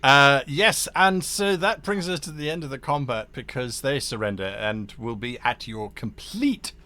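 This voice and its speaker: A man narrating a tabletop game as game master, lively and laughing, with many fillers. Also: medium pitch, measured pace, no room sound.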